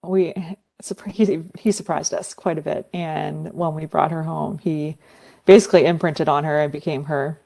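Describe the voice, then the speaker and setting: A young woman chatting casually as a podcast guest, talking quickly with lots of "like" and laughing often. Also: sits low, steady tone, creaky, warm tone. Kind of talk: casual chat.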